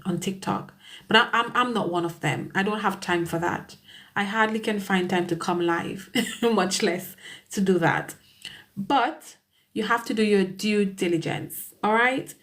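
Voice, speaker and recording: Chatty Caribbean woman on a live stream. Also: medium pitch. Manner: chatty, laughs often, greets viewers by name. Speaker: immigration solicitor hosting a live Q&A. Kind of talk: casual live-stream chat.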